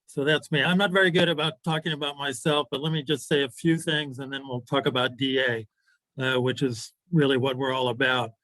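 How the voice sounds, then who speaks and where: A man's voice: medium pitch, steady tone, fairly quick, fairly bright tone, dry recording, low-quality recording. A man from the American Midwest giving a casual campaign speech on a video call. He talks in a conversational way, with frequent restarts and asides. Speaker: candidate for party office.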